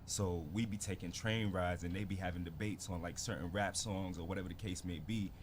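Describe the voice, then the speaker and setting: A man's voice: sits low, fairly even intonation, brisk, a little hiss or hum. A man from Barbados in his thirties, a rapper telling his story in a laid-back casual interview full of slang. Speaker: guest rapper.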